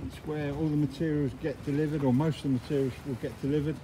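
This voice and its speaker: A man's voice: fairly high pitch, steady tone, fast. A middle-aged man, a construction site manager, giving a practical guided walk-through of a building site, recorded on a handheld phone camera outdoors. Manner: practical, explanatory, often says "obviously". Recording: loud outdoor site noise. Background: outdoor noise and vehicles.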